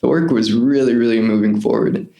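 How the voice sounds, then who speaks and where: A brisk young man of medium pitch recounts his missionary service as a guest on an interview podcast. He's earnest and animated, slipping into quoted voices as he tells it.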